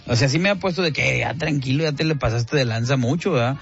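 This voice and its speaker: A man with a Mexican Spanish accent hosting a radio show, trading loud jokes and teasing with his co-host. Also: medium pitch, quick pace, vocal fry. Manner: rowdy, joking, jumps into sung bits. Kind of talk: joking banter. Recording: dull lo-fi radio sound. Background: faint music.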